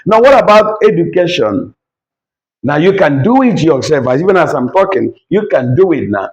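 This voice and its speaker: A man teaching a language lesson at a board, repeating each word slowly to drill it. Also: a little high, big pitch swings, darkish tone, rough recording.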